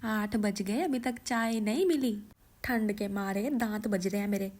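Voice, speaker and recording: A woman's voice: medium pitch, unhurried, natural voice. A woman voicing a nagging, scolding older mother-in-law in a cartoon story. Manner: scolding, complaining loudly. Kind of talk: cartoon voice acting.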